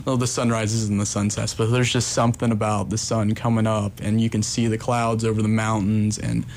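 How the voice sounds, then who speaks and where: A young man with a standard American accent speaks in a lowish, quite monotone voice. He answers casually and earnestly, rambling a little as an interview guest, over noticeable background noise. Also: fairly quick. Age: young adult. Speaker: interview guest, coffee shop worker.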